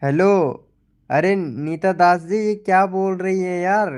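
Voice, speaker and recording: A man's voice: sits high, slow, clear, resonant tone. A young man hosting a casual live stream, chatting and teasing viewers by name while reading their comments. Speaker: live stream host promoting channels.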